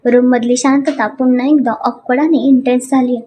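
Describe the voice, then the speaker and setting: A woman narrating a dramatic story in an expressive, animated way. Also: high voice, moderate pace, a little hiss or hum.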